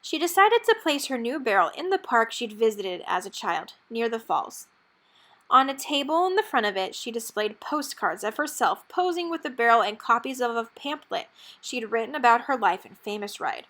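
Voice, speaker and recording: Here a storybook reader, a woman whose voice sits on the high side, reads a children's picture book aloud. She tells the story in an expressive, measured way.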